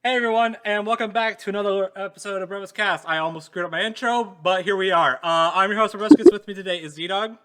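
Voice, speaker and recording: Guy hosting a podcast, kinda high voice, lots of ums and little laughs. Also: a bit bright, clear, resonant tone. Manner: chatty, fills pauses with ums and laughs. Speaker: podcast host. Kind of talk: casual chat.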